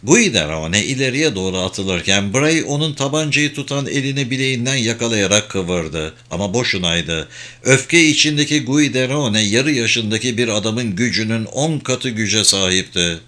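A man reading a thriller novel aloud in a measured, dramatic narration. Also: medium pitch, animated, bright, forceful tone. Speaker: audiobook narrator. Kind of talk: scripted audiobook narration.

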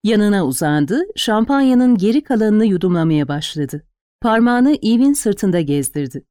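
A woman narrating an audiobook in a calm, measured reading voice. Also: mid-range voice, dry recording, studio quality. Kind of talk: scripted narration.

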